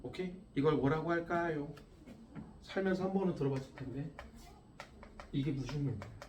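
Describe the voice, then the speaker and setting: A man's voice: a little high, normal speed, a little mellow, a little hiss or hum. A man teaching a physics class, blunt and coarse, scolding and constantly checking that his students follow. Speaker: physics teacher at a cram school. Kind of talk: classroom lecture. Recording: echoey classroom from far off.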